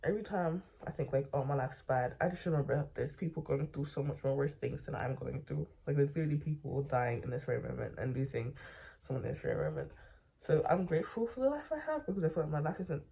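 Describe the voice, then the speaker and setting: Young vlogger, mellow tone, loose rambling late-night monologue from bed, lots of slang and repeats. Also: medium pitch, expressive, quick pace, vocal fry, slightly rough.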